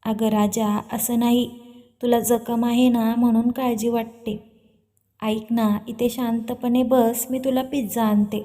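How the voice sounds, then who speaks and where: A woman voicing a caring, gentle aunt who coaxes softly in a storybook reading. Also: fairly high pitch, flat delivery, a little slow, natural voice. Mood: soothing. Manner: soothing, coaxing.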